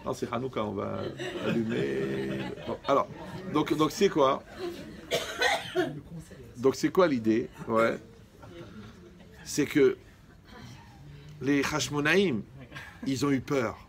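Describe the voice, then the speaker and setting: Guy from morocco, rabbi doing a jokey lecture, gravelly voice, keeps asking if you're following. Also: medium pitch, slow pace, long pauses. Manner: joking, often checks in with the audience. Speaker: rabbi giving a holiday lecture. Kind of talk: lively religious lecture with jokes.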